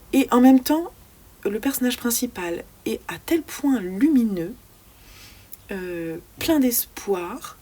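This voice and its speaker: Talking loosely about her recent reads, a woman book vlogger has a mid-range, slightly mellow voice, with a bit of background noise. She frequently hunts for words, using fillers and starting over.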